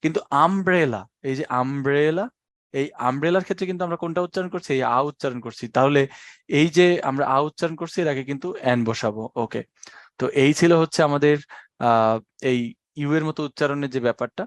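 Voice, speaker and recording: A man's voice: fairly high pitch, no room sound. A young man with a Bangladeshi Bengali accent giving an exam-prep lecture, patient and repetitive as he spells out rules for his students. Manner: patient, explains slowly and repeats key points; addresses students as "ভাইয়া". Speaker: teacher.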